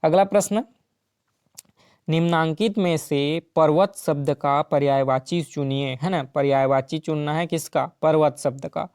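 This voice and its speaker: A man's voice: fairly high pitch, fairly even intonation, a little slow, a little mellow, smooth, no echo, studio quality. A man teaching an exam-prep lesson, explaining each question step by step and checking in often with the listener. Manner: explains step by step with frequent "ठीक है" and "है ना".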